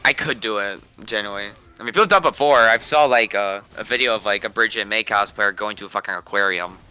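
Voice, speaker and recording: Very bright-voiced, excitable man. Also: on the low side, fast, smooth, soft background music. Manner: excitable, swearing, jokey. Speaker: cosplayer guest. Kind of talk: casual chat.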